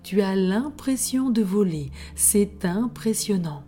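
A woman narrating a bedtime story for children in a soft, hushed manner, often dropping into a whisper. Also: mid-range voice, animated, slow.

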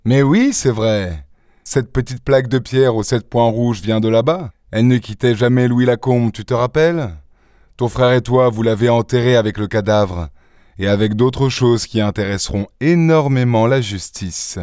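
A man reading an audiobook and voicing a suave gentleman thief with an airy, teasing, self-assured manner. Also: medium pitch, moderate pace, smooth, no echo, studio quality, natural voice. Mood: mocking, stern.

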